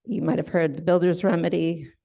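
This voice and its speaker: The speaker, a woman on state housing enforcement staff, has a lowish, gravelly, mellow voice with fairly even intonation. She walks a conference audience through her slides in a measured way, with fillers and self-corrections along the way.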